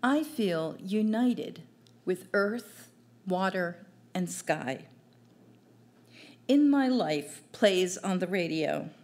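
Older woman, poetry reading, unhurried, gentle measured delivery, small cafe stage, stand mic. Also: on the low side, animated. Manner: slow, gentle, measured recital. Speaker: poet at an open mic. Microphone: stand mic at a distance.

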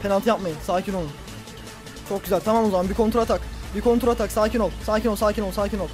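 Excitable young man, football game commentary. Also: sits high, rapid-fire, soft background music. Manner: excitable, talks to himself and the players, yells at big moments. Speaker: gaming YouTuber.

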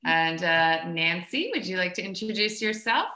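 A woman's voice: on the low side, lively intonation, moderate pace, sharp tone. Chatty woman host on an echoey call. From United States. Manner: friendly, chatty, many fillers. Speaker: travel company co-owner hosting a webinar. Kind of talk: casual webinar presentation. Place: home room, video call. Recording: echoey room.

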